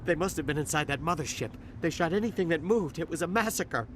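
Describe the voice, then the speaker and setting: A man's voice: a little high, expressive, fast talker, background noise, natural voice. A man voicing a stammering, frightened dockworker. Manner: stammering, shaken. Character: nervous male dockworker, frightened survivor. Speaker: game character. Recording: game audio with music behind.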